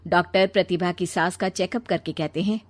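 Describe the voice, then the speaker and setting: A woman's voice: on the low side, fairly even intonation, moderate pace. A woman narrating a scripted family story in a storybook style. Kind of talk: scripted storybook narration in Hindi cartoon tale.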